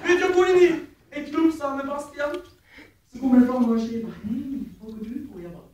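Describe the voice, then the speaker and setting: A young man telling animated stand-up stories and acting out the people in them. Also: very high voice, some chatter behind. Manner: animated, acting out quoted people in many voices. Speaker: stand-up comedian. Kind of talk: stand-up storytelling. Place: stage before a live audience. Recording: echoey room from far off, audience laughing.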